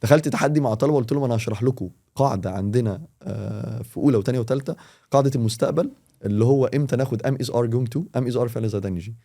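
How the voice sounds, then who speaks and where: A man with an Egyptian Arabic accent, a teacher talking in a casual podcast and explaining with quick, animated examples. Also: medium pitch, vocal fry. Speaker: English teacher, podcast guest.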